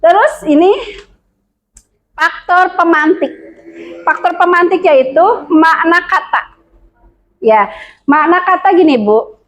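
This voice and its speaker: Woman, Sundanese accent, high voice, classroom lecture, questions to the audience. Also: slow pace, pauses often, dull audio. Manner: lively, addresses the class with frequent questions. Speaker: teacher at a women's school.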